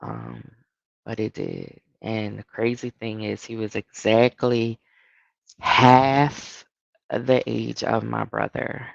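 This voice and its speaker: Woman host; very deep, gravelly, unhurried storyteller on a dry, dull lo-fi video call. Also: animated, no echo. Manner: storytelling, laughs often, grows sombre. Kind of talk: live casual chat.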